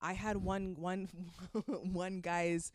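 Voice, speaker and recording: A woman's voice: lowish voice, little pitch movement, very slow. A woman in her late thirties from Staten Island with a New York accent, a podcast guest chatting bluntly and swearing casually. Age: 30s. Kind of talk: casual chat.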